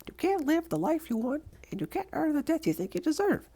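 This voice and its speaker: Woman playing a wildly animated young superhero girl. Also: sits high, a little fast. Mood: earnest, persuasive. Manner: bubbly, sassy, excitable. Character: young female squirrel-powered superhero, brash, chirpy and earnest. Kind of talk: animated comic dub.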